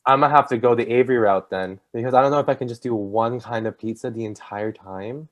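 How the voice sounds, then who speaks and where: A man's voice: medium pitch, fast, lo-fi sound. A man hosting a casual podcast chat, laughing often and restarting his sentences. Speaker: podcast host.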